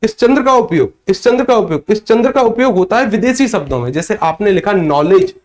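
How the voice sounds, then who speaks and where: A man's voice: high voice, lively intonation, fairly quick. A man teaching Hindi in a live online class, who asks questions and answers them himself, often calling his students sir. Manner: addresses students as sir, reads out chat comments.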